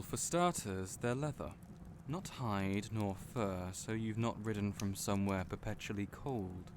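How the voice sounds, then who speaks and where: In this fantasy audio roleplay, a man with a lowish voice plays a friendly young innkeeper who teases the listener, speaking to them directly. His mood is shrewd and playful, his manner that of a chatty, genial storyteller, with noisy storm and crackling fire sounds in the background.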